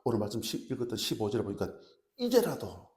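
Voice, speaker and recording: A man's voice: fairly low pitch, fairly quick. Man, pastor, sermon, asks the congregation questions, roomy church echo. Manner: animated preaching, asks the congregation questions, acts out angry kings and parents. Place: church sanctuary.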